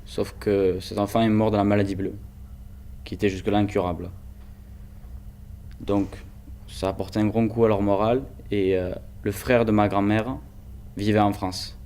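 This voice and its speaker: A teenage boy, a student recounting family history, tells his grandfather's story as personal testimony for a documentary voice-over. He sounds earnest and hesitant, with a lowish, dark voice and flat delivery at normal speed, pausing often.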